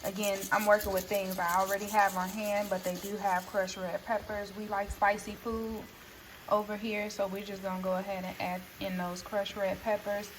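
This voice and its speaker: A woman's voice: mid-range voice, level tone, normal speed, noisy background. A woman vlogger chatting casually to her viewers while cooking in a home kitchen. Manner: chatty, talks straight to viewers as "guys" and "y'all".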